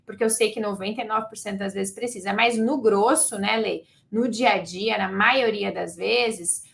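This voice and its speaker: A woman teaching sales techniques in a lively, conversational way, acting out sales calls as she goes. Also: mid-range voice, moderate pace, gravelly. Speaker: sales trainer. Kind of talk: conversational teaching with role-play examples.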